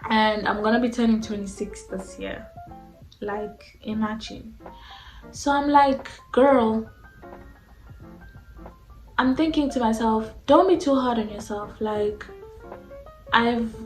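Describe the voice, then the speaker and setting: A woman's voice: fairly high pitch, slow, long pauses, roomy sound, faint music behind, low-quality recording. A woman in her twenties from South Africa, talking casually and rambling to her vlog audience with lots of fillers. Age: 20s. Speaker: vlogger. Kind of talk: casual talk to camera.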